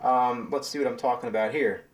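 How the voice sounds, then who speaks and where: A video creator casually explains how he edits his videos, rambling loosely with lots of fillers in a behind-the-scenes way. His voice is mid-range, fairly quick, with fairly even intonation.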